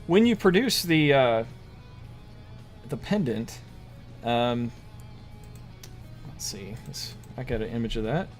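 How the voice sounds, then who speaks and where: A man serving as game master, narrating a tabletop game casually in a halting, improvised way. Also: mid-range voice, faint music behind.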